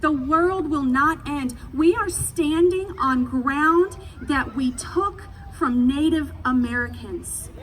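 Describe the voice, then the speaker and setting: A middle-aged woman giving an earnest, emphatic public speech at a protest, partly off the cuff, phrasing deliberately and repeating for effect. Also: high-pitched. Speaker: speaker at a protest rally. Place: public rally, speaking to a gathered crowd. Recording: distant mic, noisy outdoor rally sound.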